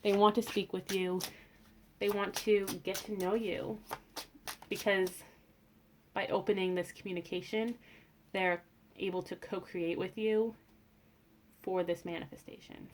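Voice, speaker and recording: A woman giving a tarot reading in a casual, gentle and reassuring way, with frequent fillers and restarts. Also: lowish voice, flat delivery, unhurried, pauses often, a little hiss or hum. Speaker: tarot reader.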